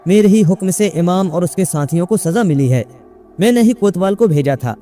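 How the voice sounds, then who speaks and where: A man's voice: high voice, expressive, normal speed, soft background music. A man reading a story, voicing an angry young man who insists he is the caliph and barks orders. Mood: imperious. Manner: commanding, shouting, indignant.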